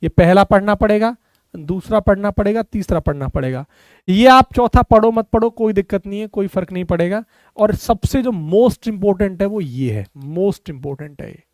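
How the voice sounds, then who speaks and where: Guy teaching physics online, fairly high voice, super dry close sound, keeps saying beta. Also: lively intonation, normal speed, a little mellow, dry recording. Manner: addresses students as beta, explains step by step. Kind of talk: online class lecture.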